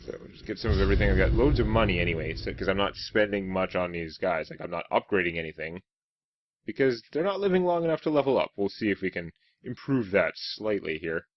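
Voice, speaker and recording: Low-voiced man chatting over gameplay. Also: lively intonation, fast, muffled recording. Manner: chatty and self-mocking, thinking aloud. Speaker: let's play host. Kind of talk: casual gameplay commentary. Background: game music.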